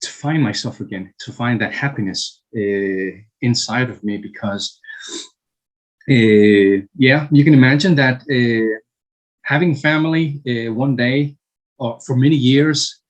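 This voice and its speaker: Slow, halting man in his fifties. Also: medium pitch, poor audio. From Chile. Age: 50s. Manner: slow, halting, many fillers and restarts. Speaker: guest. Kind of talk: interview answers.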